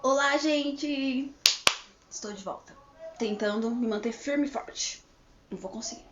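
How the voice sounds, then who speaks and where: A woman's voice: on the high side, unhurried, very noisy. A woman in her thirties chatting to camera in a rambling, casual way, with frequent restarts and check-ins. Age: 30s. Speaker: vlogger. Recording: echoey room, slightly dull lo-fi sound.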